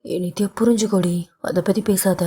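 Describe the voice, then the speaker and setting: Woman voicing a guilt-ridden young husband, audio novel, tender pleading, mellow tone. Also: medium pitch, fairly even intonation, normal speed, breathy edge, natural voice. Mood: tense.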